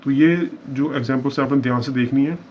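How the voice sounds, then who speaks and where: Man teaching a slow, patient lesson. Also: mid-range voice, fairly even intonation, a little mellow. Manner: explains patiently, often checks understanding. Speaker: shorthand teacher. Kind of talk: step-by-step lesson. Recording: dull lo-fi with faint hiss.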